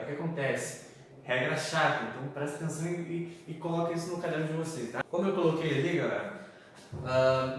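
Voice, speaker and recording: Chatty Brazilian teacher in echoey room. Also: male voice, on the high side, recorded from a distance. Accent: Brazilian Portuguese. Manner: chatty, repeats "galera" and "tá?". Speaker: English teacher. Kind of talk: slide-based lesson. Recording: echoey room, voice off-mic, faint background noise.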